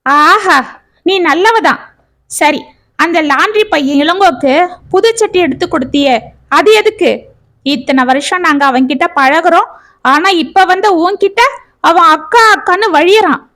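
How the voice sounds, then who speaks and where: A woman's voice: extremely high pitch, animated, measured pace, pauses often, a bit bright, pitched above the performer's own voice, heavily acted. A woman voicing a furious young husband hurling accusations. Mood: angry. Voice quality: scolding, bitter.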